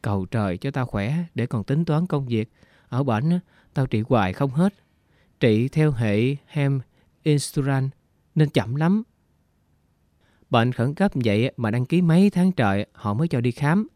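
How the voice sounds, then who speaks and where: A man's voice: mid-range voice, lively intonation, a little slow, warm tone, no room sound, clean studio sound, lightly acted. A man reading the part of a frail, homesick middle-aged woman who is ill, in a plaintive, weary way. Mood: worried.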